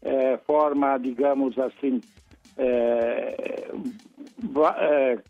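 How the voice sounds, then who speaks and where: Give me a man calling in over the phone to complain, insistent and halting, restarting his sentences often. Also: mid-range voice, fairly even intonation, vocal fry, soft background music. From São Paulo, Brazil. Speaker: caller. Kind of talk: call-in complaint. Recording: dull, dry phone line.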